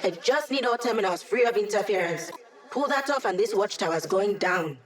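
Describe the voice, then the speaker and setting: A woman's voice: mid-range voice, animated, moderate pace, natural voice. An actress playing an upbeat, wry female hacker who gives a squad mission support in a video game, with playful, teasing, casual delivery. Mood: brisk, focused.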